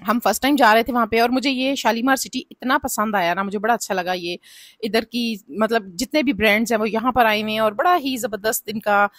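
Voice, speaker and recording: A woman's voice: a little high, steady tone, a little fast, fairly bright tone, no room sound, studio quality. A woman, narrating her family vlog in a chatty, advice-giving way and often addressing viewers as "janab". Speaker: family vlogger.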